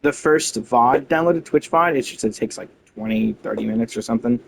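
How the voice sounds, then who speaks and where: Against a noisy background, a man with a creaky, mid-range voice talks fairly quickly. He's casually rambling on a game stream, breaking off to let out mildly exasperated, slangy gripes.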